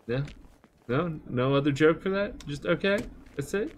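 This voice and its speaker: A man's voice: on the high side, expressive, normal speed, a little hiss or hum. A man in his thirties hosting a let's play, joking crudely and rambling as he plays. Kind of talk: casual gameplay chat.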